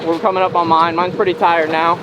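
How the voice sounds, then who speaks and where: Enthusiastic high-pitched man, loud boat noise. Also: level tone, brisk, muffled recording. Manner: enthusiastic, exclamatory. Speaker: fishing show host. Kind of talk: casual on-the-water fishing commentary to camera. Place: outdoors on a boat at sea. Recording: very noisy outdoor boat, wind and motor.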